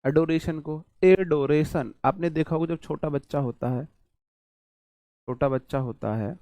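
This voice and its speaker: A man's voice: a little high, unhurried, mellow, dry recording. Chatty male vocabulary teacher. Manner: chatty, jokey, answers imagined student questions. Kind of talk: online exam-prep lesson.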